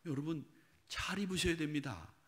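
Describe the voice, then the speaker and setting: A man preaching a sermon as pastor, animated and talking straight to his congregation, dropping at times to hushed asides. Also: a little high, normal speed. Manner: animated, swings from loud exhortation to hushed whispered asides; talks directly to the congregation with questions. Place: church sanctuary.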